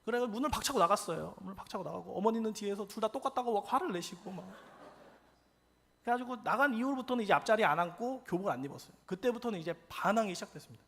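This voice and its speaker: A man's voice: sits high, rapid-fire, vocal fry. A young adult man, a pastor from South Korea, preaching a storytelling sermon and acting out the quoted lines of people in his stories. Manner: animated, acts out quoted lines.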